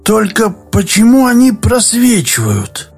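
A man voicing a feverish, excitable male geologist who talks high and agitated, often shouting. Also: unhurried, husky, faint music behind, exaggerated voice.

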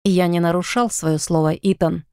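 Woman reading as a calm elder lycan man. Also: high-pitched, clean tone, no room sound, clean studio sound. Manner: calm, measured. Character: calm composed male lycan, elder brother.

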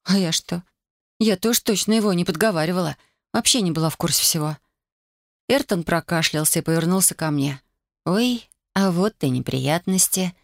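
A woman with a fairly low voice reads a first-person story aloud in a lively, wry way. The recording is dry and close, with no room sound. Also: brisk, no room sound. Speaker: audiobook narrator. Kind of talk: first-person audiobook narration.

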